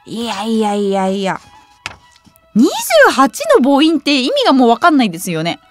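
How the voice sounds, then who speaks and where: Lively high-voiced giggly woman. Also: moderate pace, over music. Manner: lively, giggly, reads trivia then reacts. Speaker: web radio host. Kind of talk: casual quiz chat and reading aloud.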